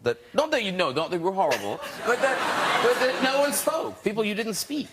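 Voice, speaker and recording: A man's voice: high voice, sing-song, fairly quick, over a noisy crowd. A man hosting a talk show, teasing his guests with playful questions. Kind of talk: chat-show interviewing. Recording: studio with audience.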